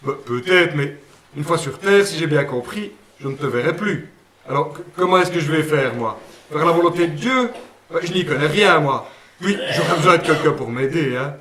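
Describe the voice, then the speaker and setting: A man plays a cheeky, simple-minded puppet fellow with a Liège accent, talking in a folksy, rambling way in a higher-than-usual register. The sound is roomy, with the voice sitting some way off the mic. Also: lively intonation, moderate pace, fairly bright tone, recorded from a distance, a little hiss or hum. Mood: chatty. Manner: folksy, naive, lots of "hein" and "ben".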